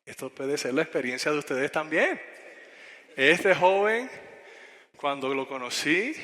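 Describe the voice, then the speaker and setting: A man's voice: mid-range voice, pushed and bright. A man preaching, telling a story to young listeners and addressing them directly with questions. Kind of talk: sermon storytelling to young people. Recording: church hall reverb.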